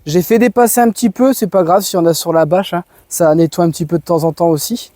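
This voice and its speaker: Speaking fast in a high, steady, mellow voice with no room sound, a French home and garden vlogger shows off a product outdoors in his garden. His delivery is relaxed, excited, and full of slang.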